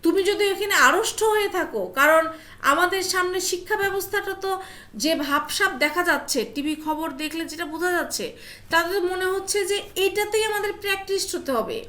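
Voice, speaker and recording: A woman's voice: extremely high pitch, normal speed, pushed and bright. A woman teacher leading an online class, coaxing her students with questions and mixing English phrases into her talk.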